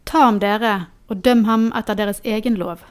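A man voicing an anxious, imperious Roman governor in a dramatic scripture reading, with a raised, sharp, questioning manner. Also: sits high, clear, resonant tone, pitched above the performer's own voice, lightly acted. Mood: tense.

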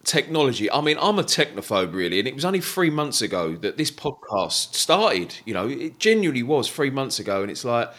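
A man's voice: medium pitch, very animated, a little fast, hardly any pauses, a bit bright. A man, hosting a podcast in a casual, informal conversational style and often repeating his phrases. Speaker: podcast host.

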